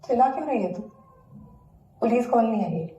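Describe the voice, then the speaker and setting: A woman's voice: fairly high pitch, animated, fairly quick, dull audio, a little hiss or hum, natural voice. An actress playing a frank, stubborn young woman who is a PT teacher, speaking film dialogue in a blunt, colloquial way. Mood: defensive. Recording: echoey, distant film audio with loud music.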